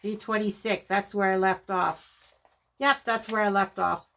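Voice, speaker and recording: A woman vlogger chatting casually while demonstrating her journaling supplies, chatty and quick to laugh at herself. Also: medium pitch, fairly even intonation, fairly bright tone. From Canada. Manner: chatty, self-deprecating, exclaims often. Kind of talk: casual craft vlog demonstration.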